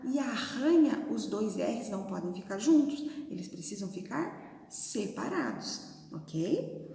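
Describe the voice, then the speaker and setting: Lively Brazilian teacher in an echoey room. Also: female voice, mid-range voice, gravelly. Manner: patient, sounds out syllables slowly, uses diminutives. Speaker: primary school teacher. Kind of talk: recorded video lesson for young children. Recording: echoey room with long reverb.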